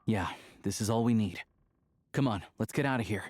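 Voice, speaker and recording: An actor playing a steady adult male hunter in a video game, speaking calmly and practically. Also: fairly low pitch, a little fast, no room sound, close to an everyday voice. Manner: calm, practical and matter-of-fact. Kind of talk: game character dialogue.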